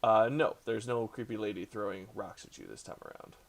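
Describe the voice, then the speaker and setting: A man's voice: on the low side, brisk, vocal fry. A man improvising narration as the game master of a tabletop role-playing game.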